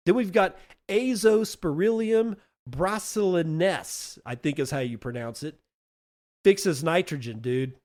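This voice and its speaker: Talking through a topic in an enthusiastic solo stretch, this podcast host has a high-pitched voice with a little mellowness. His folksy, emphatic style runs on rhetorical questions and playful comparisons, with words repeated as he gathers his thoughts.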